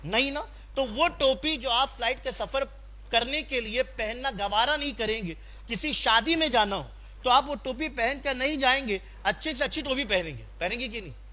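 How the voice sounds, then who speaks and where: A man's voice: very high-pitched, pushed and bright. A man preaching a sermon to a congregation, exhorting them, asking them questions and calling for responses, and mixing in personal stories. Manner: exhorting, asks the audience questions and calls for responses; tells personal anecdotes in a conversational tone.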